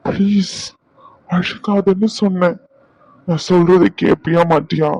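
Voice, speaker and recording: In an emotional couple vlog, a husband and vlogger repeatedly pleads with his wife and tries to comfort her. His voice sits high but darkish, fairly even in intonation and a little slow. There's no room sound, and the lo-fi recording is dull.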